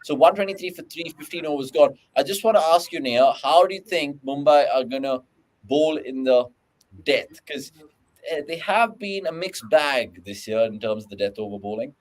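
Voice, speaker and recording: A man's voice: a little high, animated, moderate pace, rough recording. A young man with a British accent hosts a live online cricket watchalong. He is chatty and easygoing, reacting to boundaries as they happen and putting viewer questions to his co-hosts.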